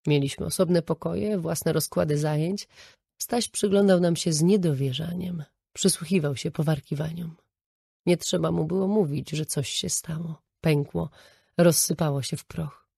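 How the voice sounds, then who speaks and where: A woman narrating a novel in the first person, measured and reflective. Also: low-pitched, steady tone, gravelly, warm tone, husky, dry recording, clean studio sound. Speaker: audiobook narrator.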